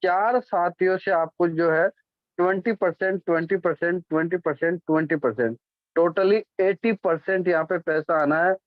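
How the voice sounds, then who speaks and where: A presenter with a high voice explains a business plan at normal speed, often correcting himself and repeatedly asking "ठीक है?" to check on his listeners. The recording is dull, dry and lo-fi, with no echo.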